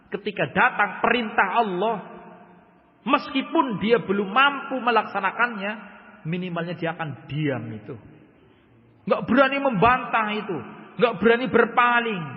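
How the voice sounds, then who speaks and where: Man, religious teacher, somewhat high voice, long hall reverb. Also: phone-quality sound. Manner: reads Arabic text then explains it, swinging between loud declaiming and quiet asides. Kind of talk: mosque study-circle lecture. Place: large mosque hall.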